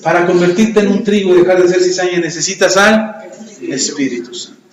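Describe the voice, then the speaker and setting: A man preaching a lively sermon as a pastor, acting out the voices he quotes. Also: high voice, fairly quick, roomy sound, low-quality recording. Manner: animated, acts out quoted voices.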